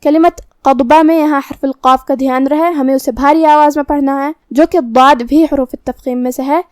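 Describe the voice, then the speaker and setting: A woman with a Pakistani Urdu accent teaching recitation rules methodically, explaining each letter's articulation and then chanting the words slowly and drawn out. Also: high voice, fairly even intonation, a little mellow, no echo, studio quality. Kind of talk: tajweed lesson with slow chanted recitation.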